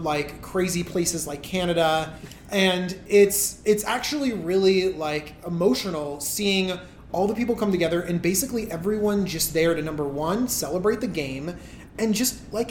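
A man chatting casually as a podcast guest in a large hotel suite, his voice carrying a cave-like echo. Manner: easygoing, joking. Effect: cave-like room echo. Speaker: podcast guest, YouTube creator. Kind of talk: casual chat. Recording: roomy cave echo, faint rumble.

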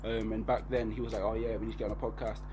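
A man in his twenties with a Bristol accent, hosting a casual podcast chat in relaxed slang. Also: lowish voice, racing, background noise. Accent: Bristol English. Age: 20s. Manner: relaxed slangy talk with lots of "bro" and "innit". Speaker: podcast host.

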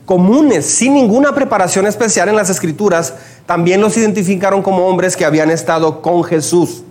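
A man's voice: high voice, brisk. A man with a northern Mexican accent from Chihuahua, preaching a sermon and telling personal stories, acting out the lines of the people in them. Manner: animated, acts out quoted dialogue. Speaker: pastor.

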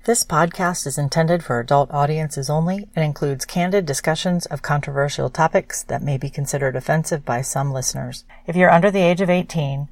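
A woman's voice: low voice, gravelly, no room sound. A woman in her fifties co-hosting a podcast, reading a scripted intro in a playful way. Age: 50s. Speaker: podcast co-host. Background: guitar music.

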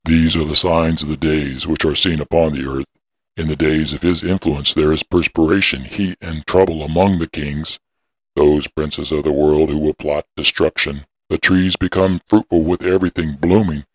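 An ancient prophet, speaking in grave, archaic cadences. The voice sits at the very bottom of the range, with a breathy, husky grain. It is recorded close and dry, with no room sound. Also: male voice, fairly even intonation, normal speed, no room sound. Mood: solemn. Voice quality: very deep husky voice. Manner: solemn, intoning, archaic prayerful delivery. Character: ancient prophet Enoch, solemn elderly man. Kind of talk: dramatic audio reading.

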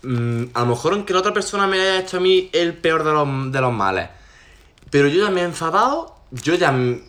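A young man hosting a podcast, talking things through in a relaxed, reflective way with many asides. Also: on the high side, brisk. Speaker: podcast host. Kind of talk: casual chat.

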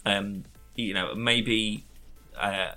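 A man with a fairly low yet bright, forceful voice chats casually as a podcast co-host. He talks in a blokey, matey way and swears freely as he banters. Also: fairly even intonation, drawn-out words, soft background music. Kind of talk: casual chat.

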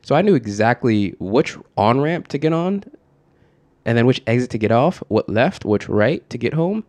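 A young man from Connecticut talking candidly as a podcast guest, laughing often and getting animated when he quotes people. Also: mid-range voice, moderate pace. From Connecticut, USA. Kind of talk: casual reflective conversation.

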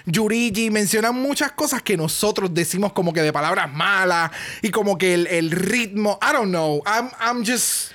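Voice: mid-range voice, normal speed, a bit bright. Una persona con acento puertorriqueño charla como copresentadora de un pódcast, mezclando frases en inglés. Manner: chatty, mixes in English phrases. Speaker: podcast co-host. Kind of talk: casual chat.

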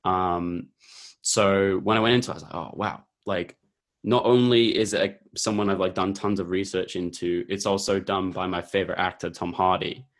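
A man's voice: sits low, fairly even intonation, moderate pace. A young man chatting casually about films, rambling with lots of filler words. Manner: rambling, laid-back, heavy use of filler words.

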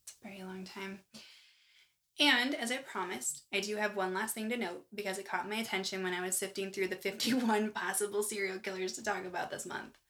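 A woman co-hosting a true-crime podcast, talking in a chatty, animated way with lots of asides. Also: mid-range voice, brisk. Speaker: podcast co-host. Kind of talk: casual true-crime chat.

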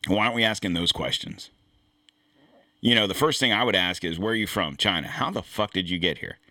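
A fairly low-voiced man delivers a loose political commentary monologue as host, circling back and restarting his points in a blunt, profane way. His voice is bright and forceful, and the recording is dry and close, with little room sound. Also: brisk, no room sound. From United States. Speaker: podcast host.

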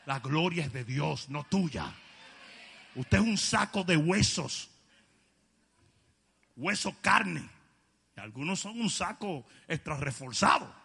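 A male preacher giving an emphatic sermon, often shouting and joking with the congregation. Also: fairly high pitch, expressive, takes it slowly, creaky, long pauses, breathy edge, big-room sound.

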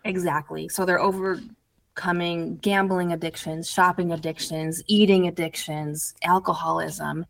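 A woman's voice: fairly low pitch, steady tone, unhurried, gravelly. A woman guest on a podcast interview, an addiction recovery coach telling her story earnestly and casually, with lots of "like". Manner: earnest, storytelling, heavy use of "like".

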